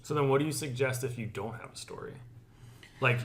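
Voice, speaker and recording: A man's voice: mid-range voice, fairly quick, fairly bright tone, a little hiss or hum. A man hosting a podcast, asking questions in a casual, loose way with lots of "like". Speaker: podcast host, interviewer. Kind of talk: casual interview conversation.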